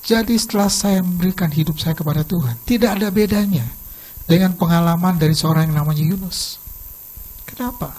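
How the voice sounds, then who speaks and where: A pastor preaching a sermon and telling a personal testimony in a lively storytelling manner, swinging suddenly between soft and loud. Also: male voice, high voice, a little fast, breathy edge, rough recording. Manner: lively storytelling, acts out quoted dialogue.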